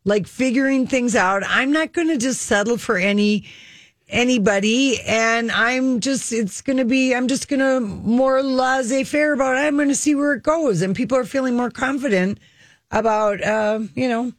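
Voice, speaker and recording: A woman's voice: a little high, normal speed, no echo. A middle-aged woman chatting casually as a talk show host, giving relationship advice in a candid, bawdy, joking way.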